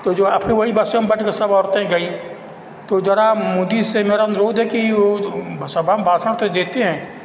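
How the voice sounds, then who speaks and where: High-pitched man in an echoey room. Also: steady tone, creaky. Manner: halting, repetitive, rambling. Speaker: local citizen giving his account. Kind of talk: informal spoken monologue of complaint and appeal. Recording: echoey reverberant room with faint noise.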